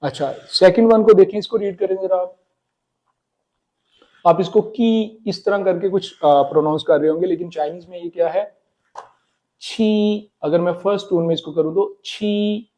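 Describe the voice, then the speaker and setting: A man explaining Chinese pronunciation in a casual spoken lesson, repeating words slowly. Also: high voice, dark tone. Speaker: Chinese language teacher.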